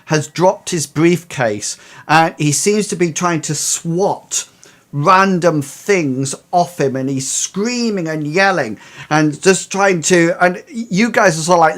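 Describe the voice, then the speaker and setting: A man narrating as game master, explaining rules and the action to his players. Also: on the high side.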